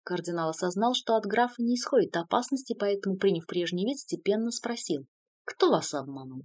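A woman narrating an audiobook with a lively, expressive reading. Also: medium pitch, fairly quick, dry recording. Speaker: audiobook reader.

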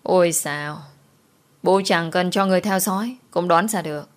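A woman voicing a vain, sharp-tongued rich mistress who scolds and mocks. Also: fairly low pitch, moderate pace, close to an everyday voice. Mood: sour. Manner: scolding, sour and mocking.

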